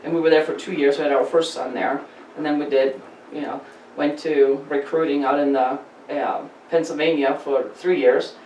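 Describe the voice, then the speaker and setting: A man from Germany with a German accent, hosting a casual interview and talking in an animated, chatty way with many repeated words. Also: on the high side, normal speed, a little hiss or hum. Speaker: podcast host. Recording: roomy distant mic with faint ambience.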